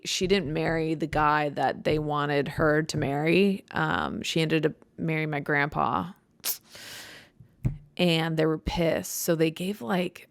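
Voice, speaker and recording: A young woman from Chicago hosting her own podcast in casual, blunt, joking chat, with vocal fry and a dry voice. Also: deep voice, no room sound. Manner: blunt, joking, swears freely. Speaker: podcast host.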